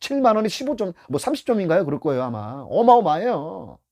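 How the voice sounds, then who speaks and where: A middle-aged taxi driver offers beginners a casual spoken lesson of blunt advice, animatedly acting out road scenes and repeating his main points. His voice sits high and moves fast.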